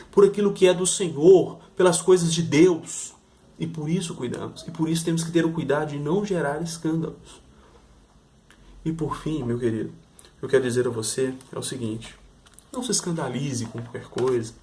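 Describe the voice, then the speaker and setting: A man with a Brazilian Portuguese accent preaching a sermon, earnest and pastoral, often checking in with his listeners. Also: on the high side. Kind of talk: sermon teaching.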